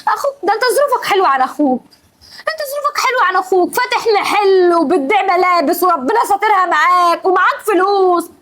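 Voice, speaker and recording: A woman's voice: extremely high pitch, expressive, fast, a bit bright, a little hiss or hum, low-quality recording. A young Egyptian woman with an Egyptian accent, acting in a family drama, scolding over and over and growing emotional. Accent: Egyptian Arabic. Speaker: regular of the show.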